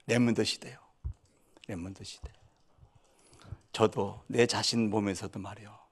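A man's voice: fairly low pitch, vocal fry, breathy edge. A man preaching a sermon as pastor, dramatic in delivery, asking the congregation rhetorical questions and acting out quoted voices. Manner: acts out quoted voices with sudden loud outbursts.

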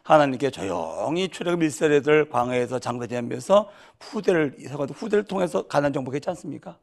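Male pastor, sermon, gravelly voice, pitch swinging widely, dramatic delivery with rhetorical questions. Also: very animated, fairly quick. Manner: acts out quoted voices with sudden loud outbursts.

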